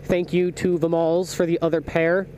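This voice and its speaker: A man's voice: fairly high pitch, little pitch movement, normal speed. A young man rambling casually to viewers, thinking aloud and correcting himself, on a helmet microphone as he rides a motorcycle. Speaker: motovlogger. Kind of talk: casual vlog chat while riding. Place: inside a helmet, riding a motorcycle outdoors. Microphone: small microphone inside the helmet. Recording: loud engine, wind and road noise.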